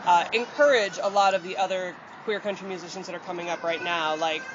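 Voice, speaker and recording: A chatty, open woman from rural Michigan, USA, answers interview questions casually and fast in a steady tone, her deeper voice full of fillers and light laughs. She's a country singer and accordionist speaking outdoors on a city street. The outdoor audio is dull, with loud traffic.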